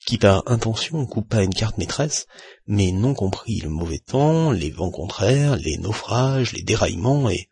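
A man with a husky, gravelly voice reads a classic novel aloud in a steady, measured way. His voice sits on the low side. The recording is close and completely dry. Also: no room sound. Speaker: narrator. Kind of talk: audiobook narration of a classic novel.

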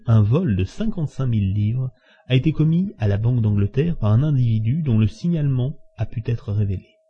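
A man's voice: medium pitch, dark tone, slightly rough. A man reading aloud and voicing a calculating male police detective who speaks curtly and insists. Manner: curt, insistent. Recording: dull lo-fi recording.

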